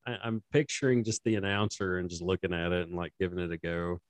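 A man's voice: low voice, fairly even intonation, quick pace, no room sound. A man co-hosting a casual sports podcast, rambling and laughing often as he talks. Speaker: podcast co-host.

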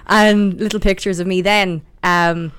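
A woman in her thirties with a softened Irish Midlands accent, chatting and correcting herself as she recalls her life in a casual interview. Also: lowish voice, steady tone, measured pace, clean tone. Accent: Irish Midlands, softened by elocution lessons. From Athlone, Irish Midlands. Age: 30s. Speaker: podcast guest, powerlifter. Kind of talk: casual interview, personal recollection.

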